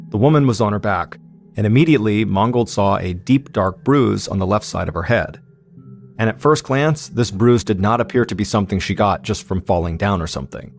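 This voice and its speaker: A man hosting a podcast, telling a true-crime story in measured, suspenseful scripted narration. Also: lowish voice, creaky. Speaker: podcast host.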